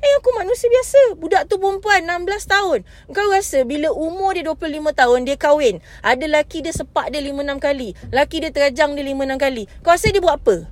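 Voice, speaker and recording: A Malaysian woman in her thirties carries her podcast alone, her high voice charged with anger and frustration. She switches freely between Malay and English and keeps calling her listener babe. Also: fast, hardly any pauses, dry recording. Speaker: podcast host. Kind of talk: impassioned podcast monologue.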